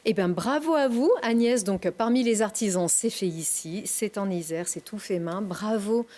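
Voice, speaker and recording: A woman hosting a TV interview show, chatting in a lively, easy way and laughing often. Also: mid-range voice, moderate pace. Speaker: TV show host. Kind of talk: casual studio interview. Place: TV studio.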